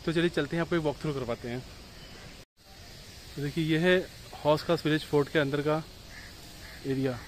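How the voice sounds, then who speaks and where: Holding his phone camera at arm's length, this Indian travel vlogger in his thirties talks through a walking tour of an old fort and the town's streets, mixing English into Hindi. He sounds on the high side, keeps a steady tone at a moderate pace, and pauses often. The outdoor recording is low quality, with slight background noise.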